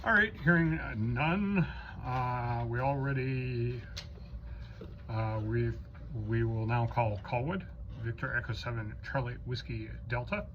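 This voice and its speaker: A medium-pitched, unhurried man runs a ham radio roll call as net controller, calling stations in informal procedural patter with some hesitation. The audio is muffled and lo-fi with clear noise.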